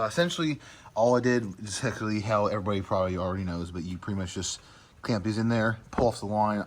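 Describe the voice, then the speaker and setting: Deep-voiced rambling truck vlogger man. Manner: rambling, filler-heavy, clears throat often. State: out of breath. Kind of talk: casual DIY vlog. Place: outdoors by a truck.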